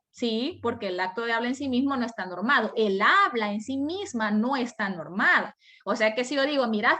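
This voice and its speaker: A woman's voice: high-pitched, a bit bright. Salvadoran woman teaching an online class. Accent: Salvadoran Spanish. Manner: explanatory, asks and answers her own questions. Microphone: video call.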